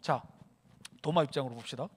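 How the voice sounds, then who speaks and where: A youth pastor giving a sermon in a church sanctuary, lively and conversational, acting out scenes as he talks. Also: mid-range voice, brisk, husky. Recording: long church hall reverb.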